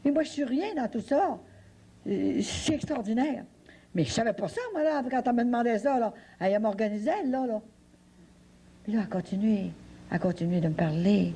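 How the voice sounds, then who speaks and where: A woman's voice: fairly high pitch, lively intonation, fairly quick, mellow, slight background noise, low-quality recording. A woman gives a folksy personal testimony at a religious retreat, telling her story with many fillers and repetitions. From French Canada. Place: retreat hall.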